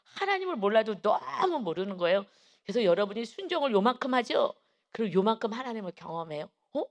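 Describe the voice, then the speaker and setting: Middle-aged lady preacher, kinda high voice, super chatty storytelling, clears her throat a lot. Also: big pitch swings, fast. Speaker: preacher at a dawn service. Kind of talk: conversational sermon with personal anecdotes.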